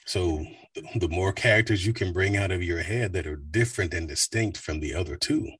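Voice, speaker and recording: A man in his forties from the United States, a voice actor and coach with a deep baritone, talking animatedly in an interview. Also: breathy edge, no echo, recorded from a distance. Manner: animated, slips into quick voice demos. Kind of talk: casual interview talk.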